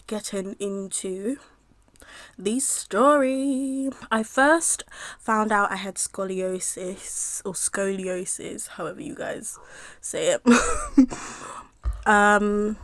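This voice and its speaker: A young woman chats casually between bites, her voice at a middling pitch. She rambles with plenty of fillers, drifting off and picking the story back up. The sound is dry and close, with no room around her. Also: dry recording. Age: young adult. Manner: chatty, rambling with many fillers, pauses to eat. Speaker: mukbang vlogger. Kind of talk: casual storytime while eating.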